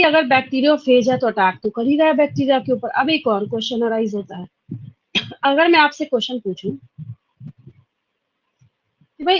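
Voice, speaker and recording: This biology teacher, a woman with an Indian accent, runs an exam-prep lecture where she asks and answers her own questions and restates the main points. Her voice sits high; the recording is dry, with the highs cut off.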